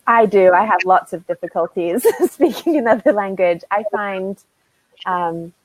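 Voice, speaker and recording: This is an online English tutor from the United States, a woman with an American accent, leading a casual lesson over video call without hurrying and laughing lightly as she goes. Her pitch is medium; the audio is poor, with no room sound.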